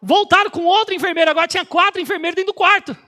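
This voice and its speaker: A man, an auxiliary pastor telling a lively testimony in a sermon and often turning to the congregation. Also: extremely high pitch, very fast. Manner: lively, animated storyteller who often speaks to the congregation.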